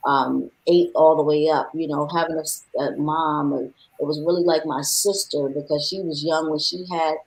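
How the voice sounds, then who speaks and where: A woman's voice: low voice, steady tone, moderate pace, hardly any pauses, a little mellow. A woman hosting a panel talk show, telling a heartfelt personal story with lots of "you know.". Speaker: show host. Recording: roomy echo.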